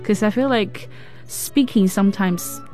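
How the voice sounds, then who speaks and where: Woman, from china, opera singer, slow speech, faint music. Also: mid-range voice, darkish tone. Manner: thoughtful, unhurried.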